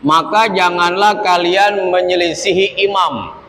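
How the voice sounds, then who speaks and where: High-voiced lively preacher in echoey mosque. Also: male voice, a little slow, noisy background. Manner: lively and humorous, chanting Arabic verses, acting out imam and congregation. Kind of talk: sermon. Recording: echoey mosque hall with faint ambience.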